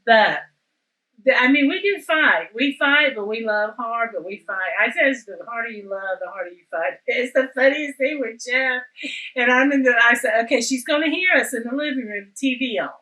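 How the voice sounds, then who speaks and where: A woman, hosting a talk show and chatting casually, telling animated family stories and mimicking her relatives. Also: fairly high pitch, moderate pace, far from the mic, low-quality recording. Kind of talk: casual chat.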